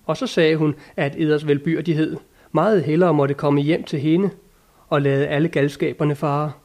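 A down-to-earth squire from a storybook, blunt and folksy, as a male narrator reads him, in a fairly high voice. He answers plainly and matter-of-factly, without any grandeur. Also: fairly even intonation, a little mellow, lightly acted. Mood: dry. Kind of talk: audiobook character reading.

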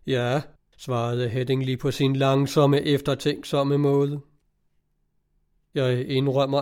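A man's voice: a little high, a little mellow. A man narrating an audiobook, reading scripted prose and voicing the characters' dialogue with light shifts.

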